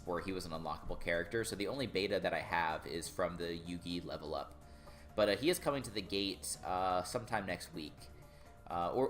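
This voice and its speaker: A young man with a very low voice talks through his card deck in a loose, relaxed way. He pauses often on filler sounds as he explains the combos. Faint music plays softly behind him. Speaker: gaming YouTuber.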